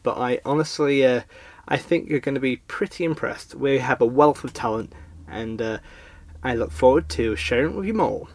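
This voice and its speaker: A man's voice: mid-range voice, no echo. A hungover, sleepy man hosting a podcast in casual chat, hesitant, rambling and self-deprecating. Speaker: podcast host.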